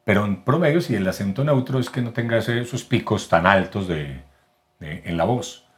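A man with a paisa accent from Medellín speaks as a podcast guest, explaining things at length in a somewhat low voice. He often restarts his sentences and repeats words while he searches for the right phrasing. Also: expressive, moderate pace. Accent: Colombian paisa (Medellín). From Medellín, Colombia. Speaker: guest voice actor and announcer. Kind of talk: casual podcast interview.

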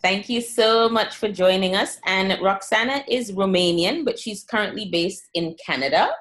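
A woman's voice: mid-range voice, moderate pace, a bit bright. Upbeat woman podcast host. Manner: upbeat and encouraging with guest. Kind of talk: podcast interview.

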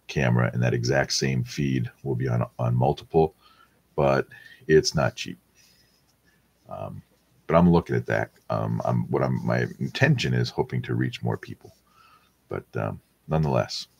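A man hosting a weekly live rosary podcast from his home, talking in a soft, hesitant, casual way with many pauses and ums. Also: rumbling low, gravelly, breathy edge. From Wisconsin, USA. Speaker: podcast host leading the rosary. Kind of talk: casual prayer-show chat.

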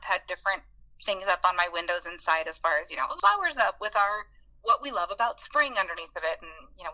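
Earnest woman in her 40s, bright voice, gets really into her stories. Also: lowish voice, dull audio. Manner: earnest and enthusiastic, acts out remembered voices. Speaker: interviewee, beginning teacher. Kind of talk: heartfelt personal storytelling.

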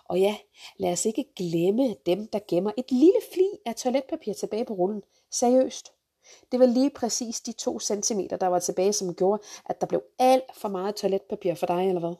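A woman ranting through a countdown of pet peeves, blunt and sarcastic, swearing freely and jumping into sharp outbursts. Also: medium pitch, lively intonation, breathy edge. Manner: jumps to sharp loud outbursts. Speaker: vlogger, mother.

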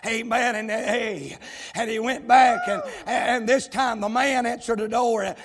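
A Southern US pastor preaching a sermon in a folksy, fiery way, from quiet storytelling to shouting. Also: male voice, very high-pitched, fairly even intonation, measured pace, background noise. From South Carolina, US. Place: large church sanctuary. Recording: long church hall reverb.

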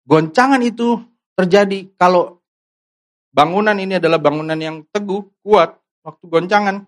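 Male preacher, slightly high voice, casual sermon, talks right to the congregation, acts out examples. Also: moderate pace. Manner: animated, acts out voices of worried believers; asks the audience questions directly.

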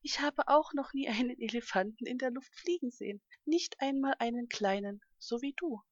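A woman playing a large, friendly ostrich who talks in a gentle, patient, explaining way. The storybook audio is dry and somewhat muffled. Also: fairly high pitch, moderate pace, no echo, close to an everyday voice. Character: big friendly male ostrich, calm and kindly.

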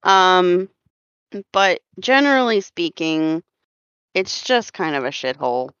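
A woman's voice: fairly low pitch, very animated, slow pace, fairly bright tone, smooth, no echo. A woman from Florida with a slight Southern drawl, hosting a casual podcast chat, rambling with fillers and frequent laughter. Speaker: podcast host. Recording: dull lo-fi dry sound.

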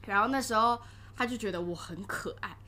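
A young woman with a Taiwanese Mandarin accent, co-hosting a podcast in casual chat and telling animated stories with frequent laughter. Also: medium pitch, a little fast. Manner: animated storytelling, often breaks into laughter. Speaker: podcast co-host.

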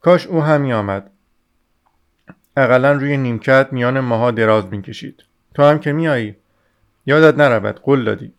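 A man's voice: mid-range voice, long pauses, highs cut off, close to an everyday voice. A man voicing an eager, chatty young male student in an audiobook reading. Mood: eager chatter. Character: Razumikhin, lively talkative young male student.

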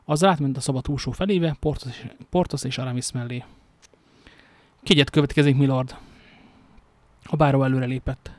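A man's voice: mid-range voice, hardly any pauses, darkish tone, no room sound. A man reading a novel aloud, stumbling now and then and adding casual joking asides. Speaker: amateur reader.

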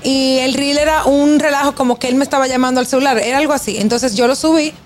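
A woman co-hosting a radio talk show, expressive and full of dramatic exclamations. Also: sits high, fast talker, music in the background.

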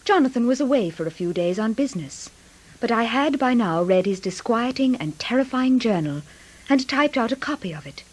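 An anxious young wife who reads out her diary in a radio drama. Her tone is tender and worried, a little high, with a lively rise and fall. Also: normal speed, low-quality recording. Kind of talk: scripted narration as a diary.

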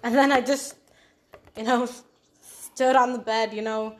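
A woman's voice: on the high side, fairly even intonation, a little slow. A young woman co-hosting a casual podcast, rambling through a story with many fillers and mild swearing. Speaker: podcast co-host.

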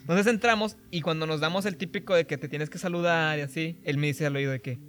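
Young Mexico City guy, podcast co-host, animated storyteller, slightly high voice, faint music under it. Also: fast. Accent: Mexico City Spanish. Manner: animated, laughing, acts out voices in his anecdotes. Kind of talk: casual storytelling among friends.

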